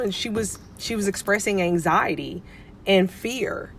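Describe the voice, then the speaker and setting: A woman's voice: fairly low pitch, a little hiss or hum. A middle-aged woman, a pediatric nurse and life coach, telling a story casually to camera and acting out what people said. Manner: chatty, acts out quoted dialogue.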